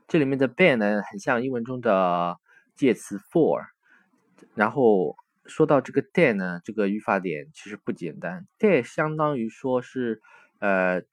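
A man walks through a recorded textbook lesson. He explains patiently, pausing on fillers and correcting himself now and then. The sound is dry and close, with little room in it. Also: lowish voice, dry recording. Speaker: Italian language teacher.

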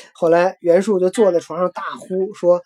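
A woman's voice: fairly low pitch, fairly even intonation, moderate pace, over music. A woman with a Beijing accent hosting a casual history storytelling talk, acting out quotes as she retells. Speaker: host.

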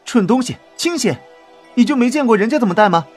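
A man's voice: fairly high pitch, lively intonation, fast, faint music behind, voice pushed up, close to an everyday voice. A man voicing a spoiled, boyish young master in a children's story reading, with a petulant manner.

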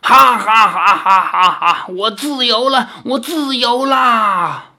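A reader voicing an arrogant, towering male demon emperor in an audiobook, talking in a loud, haughty way. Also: sing-song, moderate pace. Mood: gloating. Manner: loud, haughty, booming laugh. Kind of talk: dramatic audiobook character voice.

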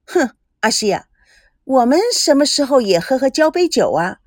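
Woman doing a bratty storybook sister: high, loud, sarcastic, very lively pitch, dry close sound. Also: moderate pace, no echo. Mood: mocking. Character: young woman, spoiled sharp-tongued younger sister.

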